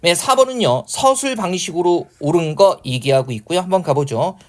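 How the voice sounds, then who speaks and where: Lively Korean-style exam lecturer, man. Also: sits high, moderate pace. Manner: animated, frequent rhetorical checks with listeners. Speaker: exam prep instructor. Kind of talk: lecture explaining test questions.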